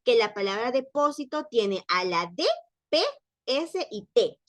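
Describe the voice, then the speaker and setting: Mujer profesora, habla lenta y paciente. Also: female voice, on the high side, expressive, dry recording. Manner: slow and patient, repeats example words, checks in with "¿ok?". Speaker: French teacher. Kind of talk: online class lecture.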